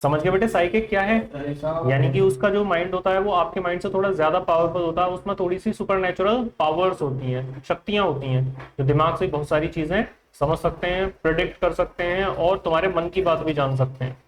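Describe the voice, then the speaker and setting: A man's voice: sits high, brisk, a little hiss or hum. A man with an Indian accent teaching an English vocabulary class in Hindi, quizzing his students with repeated questions. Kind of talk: classroom lesson.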